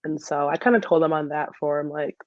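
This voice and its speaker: A woman with a low-pitched, fairly even voice talks a little fast, no echo, on a dull recording. A soccer player and dental student, she's a podcast guest chatting casually and informally, laughing often and saying "like" a lot.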